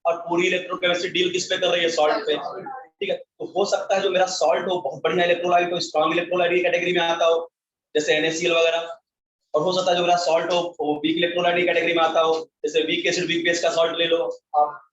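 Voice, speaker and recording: A high-voiced man teaching a chemistry class, who keeps asking his students questions and answering them himself. He is heard from a distance in an echoey classroom, and the recording sounds dull and muffled. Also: little pitch movement, fast, fairly bright tone. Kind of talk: classroom lecture.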